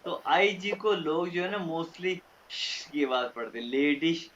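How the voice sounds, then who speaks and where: A man teaching German vocabulary in an online lesson, repeating each word slowly and often checking that students follow. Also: a little high, lively intonation, a bit bright, lo-fi sound, a little hiss or hum.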